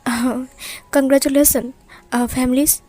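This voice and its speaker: A woman voicing a calm, reassuring hospital doctor who hesitates with fillers. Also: extremely high pitch, a little slow.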